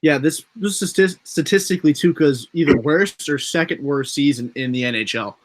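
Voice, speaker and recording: A young man hosting a casual sports podcast, excitable and talking in bursts of emphasis. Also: fairly high pitch, a little fast. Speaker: podcast host.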